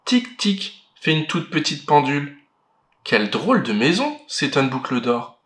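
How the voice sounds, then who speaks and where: A man reading a children's story aloud, clear and expressive. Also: mid-range voice, moderate pace. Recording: roomy echo.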